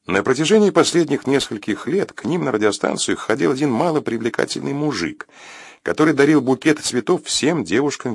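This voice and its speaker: A man reading an audiobook in an expressive, wry narration. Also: medium pitch, gravelly, breathy edge, dry recording, clean studio sound. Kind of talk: scripted narration.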